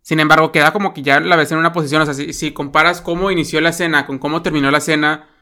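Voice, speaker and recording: A man with a Mexican accent talks through a favorite film scene in loose, rambling chat, leaning on fillers and tag questions. His voice sits a little high and comes across bright and crisp. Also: steady tone, rapid-fire. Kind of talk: casual film discussion.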